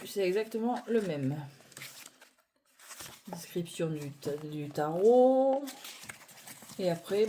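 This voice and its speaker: A woman reviewing tarot decks in a casual, hesitant chat, often pausing with fillers and laughing at her own clumsiness, recorded on a phone on a stand at home. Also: on the low side, background noise. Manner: chatty, hesitant, self-deprecating, many fillers.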